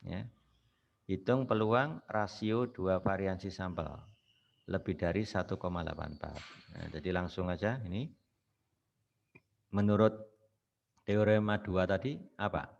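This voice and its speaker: A very low-pitched male lecturer works through a statistics problem one step at a time. He keeps checking in with the class through short rhetorical questions. The recording sounds dull and lo-fi. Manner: explains step by step with frequent rhetorical questions and "ya" tags.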